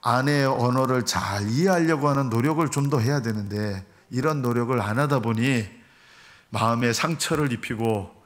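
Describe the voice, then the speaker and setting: A middle-aged male pastor giving a sermon in a church. He talks in a lively, joking way and acts out quarrels between a husband and wife in little voices. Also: mid-range voice, moderate pace. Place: church sanctuary.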